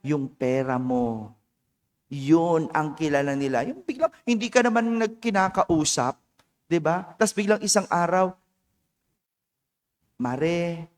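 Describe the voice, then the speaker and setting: A man's voice: high voice, long reverb tail. A Filipino man, a parish priest, giving a chatty homily and often asking the congregation short questions. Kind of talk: conversational homily. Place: church.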